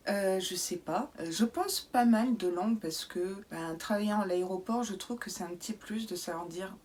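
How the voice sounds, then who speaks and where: A woman's voice: medium pitch, normal speed, darkish tone. A woman, chatting casually as she answers viewer questions in her vlog, full of playful asides and fillers. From southwest France and New Zealand. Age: 30s. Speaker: beauty YouTuber.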